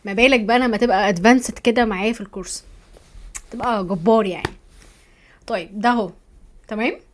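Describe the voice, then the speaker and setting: Fast-talking Egyptian woman teaching software. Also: a little high, a little hiss or hum. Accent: Egyptian Arabic. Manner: chatty, keeps asking "تمام؟", thinks aloud while clicking. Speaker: software course instructor. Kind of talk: screen-recorded tutorial.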